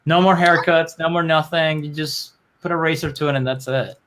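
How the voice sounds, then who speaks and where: A man's voice: on the high side, fairly even intonation, normal speed, a bit bright. A man co-hosting a show in casual chat, rambling and opinionated, with loose, sweary phrasing. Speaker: show co-host.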